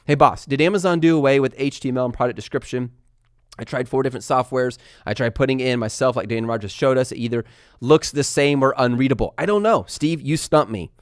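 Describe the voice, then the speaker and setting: A man from Texas and California hosting a casual live stream, talking fast and energetically while reading viewer comments aloud. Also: medium pitch, no echo, clean studio sound. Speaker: livestream host answering viewer questions.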